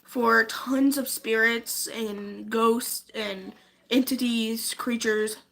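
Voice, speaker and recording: A woman's voice: on the high side, fairly even intonation, drawn-out words, fairly bright tone, low-quality recording. A congested young woman hosting her channel, chatting eagerly and giggling about haunted places. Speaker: channel host. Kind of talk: casual chat.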